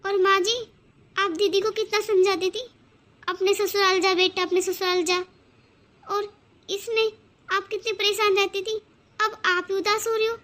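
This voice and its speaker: A woman voicing a patient young daughter-in-law in a cartoon who calmly reasons with her mother-in-law. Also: extremely high pitch, measured pace, long pauses. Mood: coaxing. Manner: calm, coaxing.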